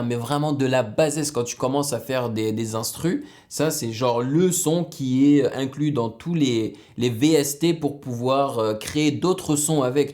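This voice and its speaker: A man giving casual, excitable reaction commentary on a music video, explaining the production as he goes. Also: mid-range voice. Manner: excitable, bursts into exclamations.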